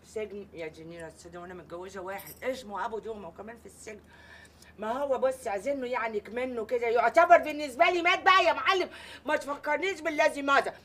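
An actress with an Egyptian accent playing a loud, brash comic woman who used to dance. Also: fairly high pitch, quick pace.

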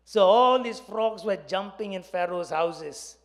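High-pitched South Indian male preacher. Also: unhurried. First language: Tamil. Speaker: pastor. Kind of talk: conversational sermon with personal anecdotes. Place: church stage. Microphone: handheld microphone.

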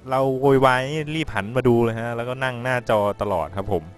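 A man's voice: mid-range voice, fast talker, smooth, faint music behind. A man casually commentating a live game broadcast, laughing easily and giving viewers tips. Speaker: esports commentator.

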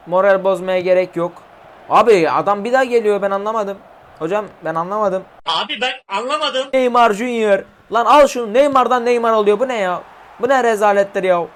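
Young male gamer, high voice, excitable commentary of his own match, shouts at goals. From Turkey. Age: 20s. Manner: excitable, yelling player names at goals, swearing at the game. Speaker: gaming YouTuber. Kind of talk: live mobile football game commentary.

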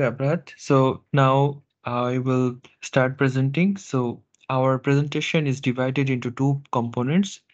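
A man presents in a webinar over a video call, measured and halting, pausing often on fillers. His pitch sits in an ordinary middle range. The audio is slightly dull, like a muffled call line. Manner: measured, with frequent hesitations and fillers. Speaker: nutrition officer presenting a webinar. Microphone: video call microphone.

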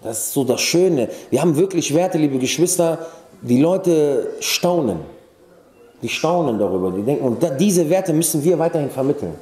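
A man's voice: a little high, mellow. Man preaching casually in an echoey room. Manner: casual storytelling with Arabic religious terms. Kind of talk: informal sermon.

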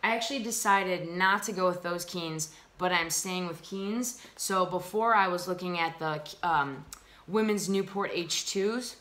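A woman's voice: on the low side, a little slow, a bit bright. A young woman from the United States in a casual, upbeat gear review, talking chattily with frequent ums, recorded indoors on a laptop camera mic. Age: young adult. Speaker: vlogger reviewing hiking gear. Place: small room indoors at a table.

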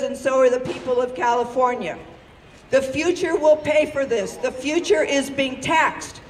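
A woman's voice: high-pitched, echoey room. A middle-aged woman, a faculty member, gives an impassioned protest speech at an outdoor campus rally, speaking into a handheld mic. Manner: impassioned, rousing oratory. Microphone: handheld mic through a PA speaker. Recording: distant PA sound outdoors with noise.

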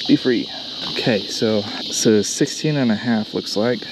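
A man's voice: on the low side, unhurried. A man with a Southern US accent chatting casually to a phone camera from his kayak on a lake while fishing, rambling and poking fun at himself. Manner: chatty, rambling, self-deprecating. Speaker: kayak bass angler. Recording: outdoor phone recording with loud insect noise. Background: insects and outdoor ambience.

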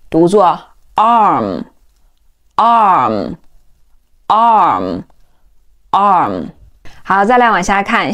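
A woman teaching English vocabulary, who explains step by step and says each word slowly several times over. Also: medium pitch. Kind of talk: vocabulary lesson.

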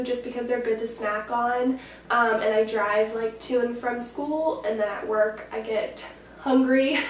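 A woman's voice: fairly high pitch, slight background noise. A nineteen-year-old woman chatting casually in a vlog from home, full of fillers. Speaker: vlogger. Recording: echoey room, mic far off.

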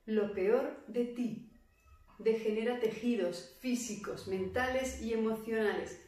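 Meditation teacher, woman, calm and deliberate, voice distant in a very echoey room. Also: mid-range voice. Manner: calm, measured, speaks with slow emphatic pauses. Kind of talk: guided meditation talk. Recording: very echoey room, voice far from mic.

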